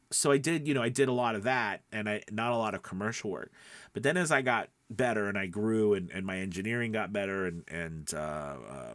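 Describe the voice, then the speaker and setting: This voiceover coach and podcast host has a somewhat low, faintly bright voice, captured with no echo. His teaching is relaxed and emphatic, and he frequently checks that the listener is following along.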